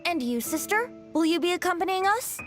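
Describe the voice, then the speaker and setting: Game companion: high, lilting, polite and gentle young woman. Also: expressive, a little fast. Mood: kind. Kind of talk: game cutscene voice acting. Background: game music.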